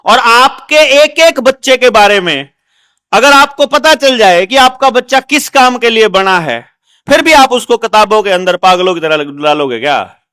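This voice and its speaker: A man with a very high voice and a bright, forceful tone speaks emphatically, putting questions straight to his listeners. The sound is close and dry. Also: expressive, normal speed, clean tone, no echo. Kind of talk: explaining to an audience.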